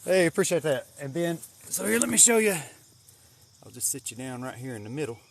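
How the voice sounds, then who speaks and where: On an outdoor livestream, a man gives a casual tour of his greenhouse garden, rambling in a folksy way and swearing mildly now and then. His voice sits on the high side, with big swings in pitch, a brisk pace and a gravelly texture.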